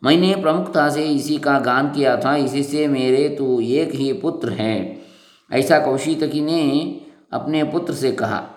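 A man slowly reciting scripture verses in a measured, chanting way, then explaining them plainly. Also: mid-range voice, roomy sound. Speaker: scripture reader. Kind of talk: slow recitation and translation of scripture.

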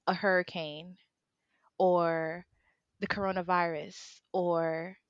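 A woman's voice: fairly low pitch, little pitch movement, slow pace, no echo. A young adult woman guesting on a podcast, chatting in a bubbly way and laughing often. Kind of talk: casual podcast chat. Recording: dull, dry lo-fi sound.

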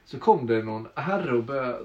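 A man's voice: mid-range voice, lively intonation. A young man co-hosting a casual podcast, telling stories with laughter and plenty of swearing. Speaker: podcast co-host. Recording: roomy, dull lo-fi sound.

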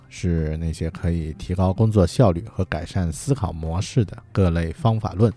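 A man hosting a book-review podcast, explaining in a relaxed, steady way. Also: sits low, slightly rough. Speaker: podcast host.

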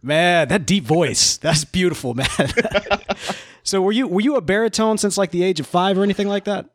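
A tenor-voiced man hosts a podcast with eager, geeky enthusiasm. His voice sits fairly high for a man. The recording is dry and close. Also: normal speed, no echo. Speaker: podcast host. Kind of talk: podcast interview and intro.

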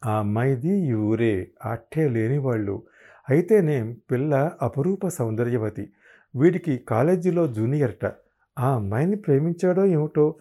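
A man voicing an affectionate, protective older mother-in-law in an audiobook reading, coaxing and quick to worry. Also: medium pitch, lively intonation, mellow. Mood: explaining. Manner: coaxing, worried, quickly indignant.

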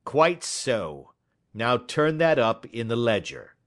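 A man voicing a belligerent, gruff poultry salesman who talks loud and combative in an audiobook story. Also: medium pitch, sing-song, takes it slowly, pitched above the performer's own voice.

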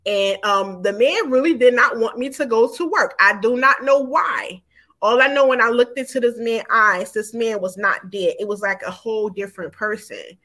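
A woman's voice: mid-range voice, fairly bright tone. A woman in her forties, a podcast guest, frankly telling her own story in loose, informal speech with many fillers. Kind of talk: candid personal storytelling.

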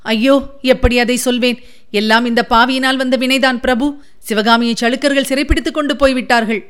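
Woman doing a frantic old sculptor dad, wailing high and loud, clear smooth voice, storybook. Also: steady tone, moderate pace. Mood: frantic grief. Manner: frantic, wailing, sobbing pleas. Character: grief-crazed elderly male sculptor, wailing father.

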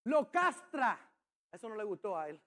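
Emphatic high-voiced preacher man. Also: very animated, moderate pace. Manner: emphatic preacher, shouts key phrases, demonstrates with a child on stage. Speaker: pastor. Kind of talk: sermon.

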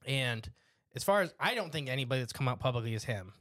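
A man's voice: medium pitch, lively intonation, fast talker, a bit bright, no echo, clean studio sound. A man co-hosting a podcast in casual chat, rambling, laughing often and trailing off mid-sentence. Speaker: co-host.

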